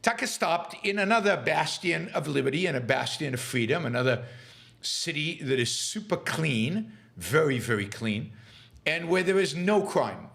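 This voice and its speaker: A middle-aged podcast host runs a political commentary show in a medium-pitched, fairly bright voice. He speaks haltingly, full of fillers and restarts, and his tone turns scornful and sarcastic.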